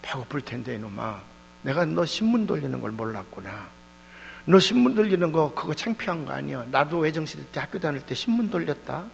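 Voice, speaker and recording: Gruff, caring male teacher, played by a preacher mid-sermon: gravelly, echoey hall. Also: fairly high pitch, animated, quick pace, few pauses. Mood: tender. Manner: scolding, rough affection. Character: gruff but caring middle-aged male schoolteacher. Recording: dull echoey hall with hum.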